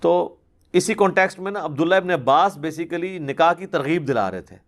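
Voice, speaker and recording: Man explaining religious rulings, slightly high voice. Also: animated. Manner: conversational, explains patiently with examples. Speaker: Islamic scholar answering questions.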